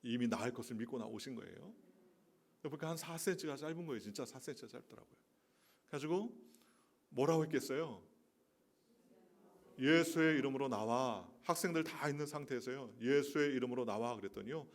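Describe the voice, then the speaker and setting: A man's voice: mid-range voice, animated, quick pace, gravelly. A middle-aged man, a missionary preacher, telling personal testimony in a sermon, with storytelling and emphatic rhetorical questions.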